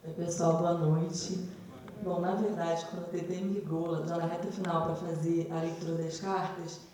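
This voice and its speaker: A woman voice actor telling an animated story about recording a narration, speaking at a panel after a screening. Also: lowish voice, normal speed. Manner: lively storytelling, quotes others, chatty slang. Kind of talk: post-screening panel talk. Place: screening hall. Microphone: distant hall microphone. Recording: echoey hall from far off.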